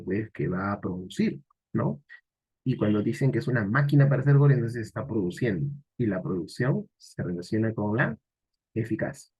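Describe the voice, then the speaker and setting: Gravelly teacher explaining. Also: male voice, fairly low pitch. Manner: explanatory, rhetorical asides. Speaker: language teacher. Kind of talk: exam solution walkthrough. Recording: dull lo-fi recording.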